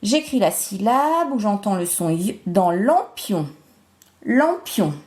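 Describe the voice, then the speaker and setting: Woman, primary teacher, remote phonics lesson; unhurried, animated pitch, deliberate letter-by-letter delivery. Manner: slow, deliberate, spells out syllables and sounds.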